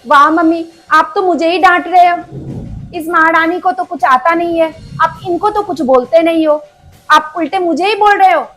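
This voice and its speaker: A woman playing a jealous married young sister-in-law who talks loudly and sarcastically in a family skit. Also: high voice, expressive, measured pace, faint music behind. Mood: taunting. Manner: loud, sarcastic and nagging.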